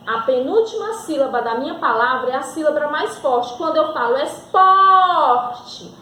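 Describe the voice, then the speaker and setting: A woman's voice: high voice, slight background noise. A woman teacher with a Brazilian Portuguese accent giving a recorded grammar lesson, asking and answering her own questions and stretching out example words. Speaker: school teacher. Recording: echoey room.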